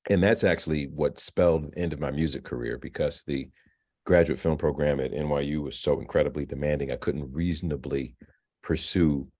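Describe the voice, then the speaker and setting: A man in his fifties, interviewed about his career, talking in a halting way with frequent restarts and repeated words. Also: rumbling low, steady tone, darkish tone. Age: 50s. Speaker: filmmaker and novelist, alumnus guest. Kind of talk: interview, conversational. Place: virtual interview.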